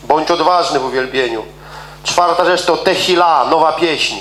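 A middle-aged man preaching a sermon with emphasis, repeating words for stress and swinging between fast and slow delivery. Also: fairly high pitch, a bit bright, roomy sound, slight background noise, rough recording.

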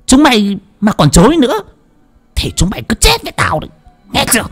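A man's voice: very high voice, huge pitch swings, brisk, a bit bright, slightly rough, big-room sound, soft background music, voice pushed up, exaggerated voice. A man voicing a vengeful female spirit that possesses a woman, screeching threats and cackling, in a spoken ghost story. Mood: shrill menace.

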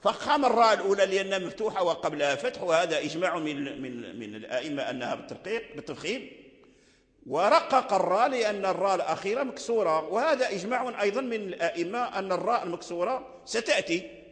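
Man, lecturing on recitation, drawn-out example words, echo of a big hall. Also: sits high, lively intonation, fairly bright tone. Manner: explains slowly with repetition, drawing out example words. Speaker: Quran recitation teacher. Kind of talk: lecture on Quranic recitation rules. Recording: long hall reverb.

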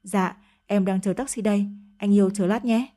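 A woman's voice: medium pitch, fairly even intonation, moderate pace, warm tone, natural voice. A woman voicing a scheming middle-aged woman in an audio story, whining and pleading. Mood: elated.

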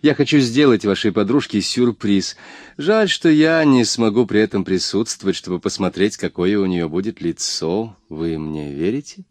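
A man reading as a calm, teasing young woman. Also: lowish voice, moderate pace, dry recording, studio quality, close to an everyday voice. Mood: playful. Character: calm, bold young woman, playful and kind. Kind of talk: audiobook reading.

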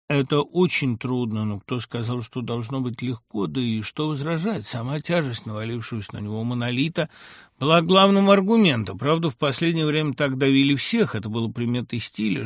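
A man narrating a literary audiobook in an expressive, ironic way, hitting words with sudden emphasis. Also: mid-range voice, no echo, clean studio sound. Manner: expressive, ironic reading with sharp emphatic jumps.

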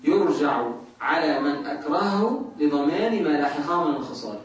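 A man's voice: on the high side, expressive, moderate pace. A man with an Egyptian accent teaching a jurisprudence class, asking the class questions and answering them himself. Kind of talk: lecturing a class. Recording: very echoey room, voice from far off.

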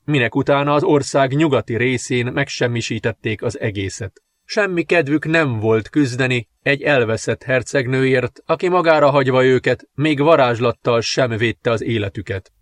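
A man reading a fantasy novel aloud in measured, dramatic scripted narration. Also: medium pitch, dry recording. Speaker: audiobook narrator.

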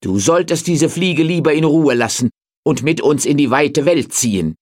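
An eager young fairy tale soldier, as a woman narrator puts him on, full of admiration and polite charm. His pitch swings about with enthusiasm. He sounds a little louder and further from the mic than the narration. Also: moderate pace. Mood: admiring. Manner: lively, enthusiastic.

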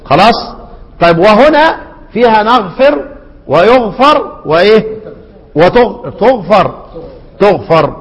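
Middle-aged Egyptian sheikh, high voice, echoing hall; teaching tone, asks and answers his own questions. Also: animated, husky. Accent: Egyptian Arabic. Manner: quizzes listeners with repeated rhetorical questions; chants quoted verses slowly. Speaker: Quran recitation teacher. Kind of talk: teaching lesson with call-and-response questions. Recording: hall reverb.

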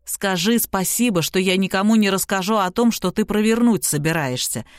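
A woman's voice: mid-range voice, normal speed, no room sound, clean studio sound, natural voice. A woman voicing a callous young man who speaks in a scornful, dismissive way.

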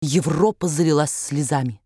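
Measured woman audiobook narrator. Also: deep voice, warm tone, breathy edge. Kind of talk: scripted literary narration.

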